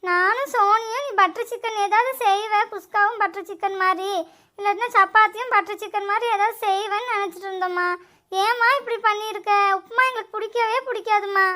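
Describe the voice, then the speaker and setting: A woman's voice: extremely high pitch, fairly even intonation, fairly quick, pushed and bright. A woman voicing a fussy young cartoon daughter who complains about her food. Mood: complaining. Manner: complaining, whiny. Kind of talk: cartoon voice acting.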